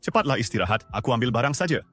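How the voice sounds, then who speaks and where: A man's voice: medium pitch, lively intonation, racing, a bit bright, soft background music. A man dubbing a cool, composed young hospital director who answers curtly. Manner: cool, curt. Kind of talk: dubbed drama acting.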